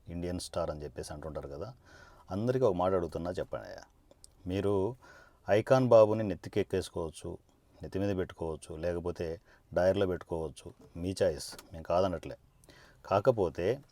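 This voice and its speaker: A politician speaking straight to camera in a confrontational monologue, sarcastic and combative, firing one rhetorical question after another. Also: male voice, sits low, mellow, dry recording.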